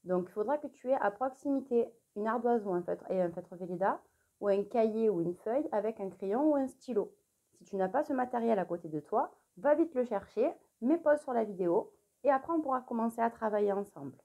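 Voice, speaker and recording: Over a remote connection, a young primary school teacher dictates a spelling lesson for small children, clearly sounding out each letter and encouraging the child. Her fairly high voice is brisk, with lively intonation and a dark tone, though the audio is dull.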